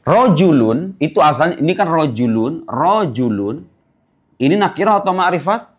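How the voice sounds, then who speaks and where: A man teaching Arabic grammar in a classroom lecture. He explains step by step, checks whether his students follow, and chants the example words slowly. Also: on the high side, sing-song. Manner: explains step by step, asking "paham nggak?".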